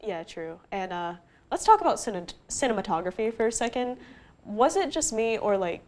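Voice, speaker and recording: A woman's voice: medium pitch, very animated, moderate pace, a little mellow. A young woman co-hosting a casual film review, opinionated and nitpicky, often restarting her sentences. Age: young adult. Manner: opinionated, nitpicky, self-interrupting.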